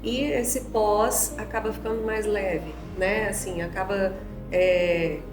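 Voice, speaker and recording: A woman psychologist with a Brazilian accent, calmly explaining things in a casual interview. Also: mid-range voice, slow. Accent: Brazilian Portuguese. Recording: roomy sound with music behind.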